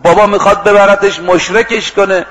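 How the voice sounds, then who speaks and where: A man giving a sermon, telling stories vividly, acting out the quoted dialogue, and slowly chanting scripture and verse. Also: high-pitched, low-quality recording. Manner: lively storytelling that acts out quoted exchanges and chants scripture and verse. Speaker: preacher. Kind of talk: storytelling sermon.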